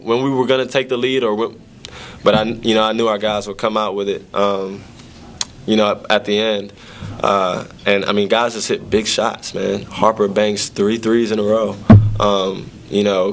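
Young male athlete at a postgame presser; somewhat low voice, easygoing and rambling. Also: a little hiss or hum. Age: young adult. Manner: relaxed, rambling with frequent fillers. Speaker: college basketball player. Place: press conference room with sponsor backdrop. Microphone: table microphone.

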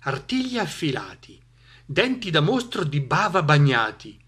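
A man reading a rhyming storybook aloud, slow and unhurried. His voice rises and falls widely, rocking with the rhythm of the verse. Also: fairly high pitch, sing-song, fairly bright tone, breathy edge.

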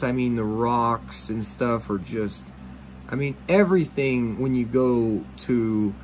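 A man's voice: mid-range voice, darkish tone, a little hiss or hum, poor audio. A man hosting a fishing channel, talking casually in a rambling voice-over with many fillers and restarts.

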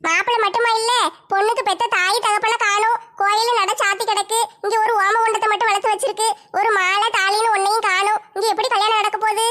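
Very high shrill scolding woman. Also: level tone, fast, few pauses, sharp tone. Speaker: comic sketch performer. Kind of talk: village comedy sketch acting.

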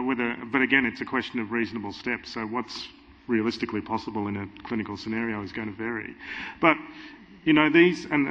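A man in his thirties answering on a panel with measured, qualified advice. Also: mid-range voice, a bit bright. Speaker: panelist giving legal advice. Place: large conference hall stage. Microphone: table mic. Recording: dull sound with hall reverb.

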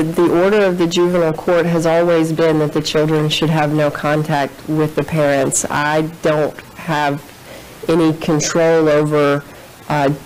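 Measured woman testifying in court. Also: low-pitched, a little mellow, slight background noise, low-quality recording. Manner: measured, formal, careful. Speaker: court witness. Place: courtroom witness stand. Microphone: desk microphone on stand.

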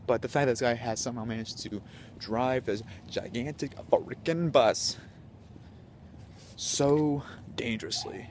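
A man's voice: mid-range voice, a little slow, a little hiss or hum. Hyper young man vlogging at night. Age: young adult. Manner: hyper, animated, swings between loud and whispering. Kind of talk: casual storytelling vlog. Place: outdoors on a city street at night. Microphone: handheld camera at arm's length.

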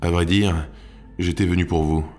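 A man voicing a cool-headed, menacing city guard who speaks calmly and steadily. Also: deep voice, normal speed, faint music behind, lightly acted. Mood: wry. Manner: calm, steady, cold.

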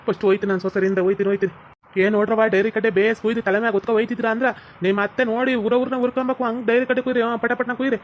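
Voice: medium pitch, flat delivery, very fast, dull audio, a little hiss or hum, close to an everyday voice. Voice actor doing a meek cartoon father-in-law. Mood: fussy. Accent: North Karnataka Kannada. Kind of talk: cartoon comedy voice acting.

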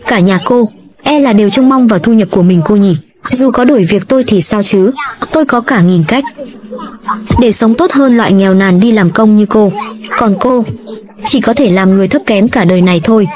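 A woman's voice: mid-range voice, brisk, darkish tone, natural voice. A woman voicing a haughty rich young woman who talks down to others in a sneering, condescending way. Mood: scornful.

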